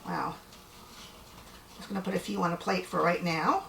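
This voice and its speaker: Woman host, bright chatty delivery, echoey kitchen, mic set back. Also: fairly low pitch, fairly even intonation, moderate pace, gravelly, slight background noise. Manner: chatty, friendly, playful with her partner. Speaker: cooking show host. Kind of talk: casual cooking demonstration. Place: home kitchen. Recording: echoey room, mic at a distance.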